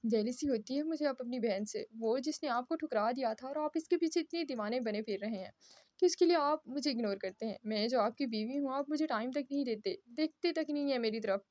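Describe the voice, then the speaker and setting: A heartbroken young wife, read by a woman, pleads and reproaches in this storybook reading. The voice sits high. The sound is dry and close. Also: brisk, a little mellow, no room sound, close to an everyday voice. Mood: tearful, accusing.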